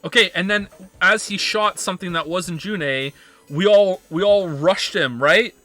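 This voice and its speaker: A man's voice: high-pitched, a little slow, sharp tone. A man livestreaming a game with casual, jokey commentary, riffing and acting out imagined scenes. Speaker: livestreamer playing a story game. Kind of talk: casual live gameplay commentary. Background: faint game music.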